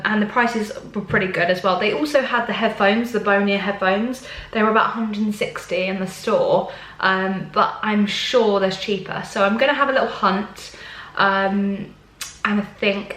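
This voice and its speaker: A woman's voice: medium pitch, steady tone, normal speed, fairly bright tone, roomy sound, rough recording. A young woman, chatting casually and bubbly to camera in a weekly vlog, full of ums and likes. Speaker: vlogger.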